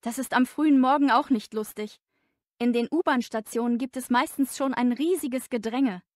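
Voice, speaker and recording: A woman's voice: fairly high pitch, normal speed, no room sound, clean studio sound. A woman reading a coworker's lines in a scripted lesson dialogue, friendly and chatty. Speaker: office worker in a dialogue.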